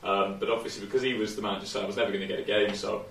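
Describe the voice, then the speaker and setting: A man's voice: lowish voice, flat delivery, racing, fairly bright tone. A man in his twenties from Shrewsbury, England, talking as a guest footballer in a casual interview, hesitant and rambling with many fillers. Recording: roomy room, distant mic, faint noise.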